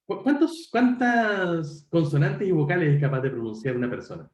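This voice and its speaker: A man with a fairly high, expressive voice speaks at a normal pace in an echoey room. He's delivering an online university lecture, chatting directly with students and correcting himself along the way.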